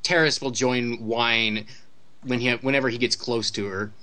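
Bright-voiced, wry man chatting. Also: medium pitch, steady tone, moderate pace. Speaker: panelist on a video game discussion. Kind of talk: casual chat.

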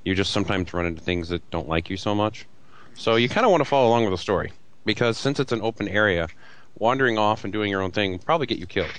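A man's voice: lowish voice, lively intonation, fast, fairly bright tone, no room sound. A man chatting casually as a panelist, explaining things informally in a conversation about video games. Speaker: panelist on a video game discussion.

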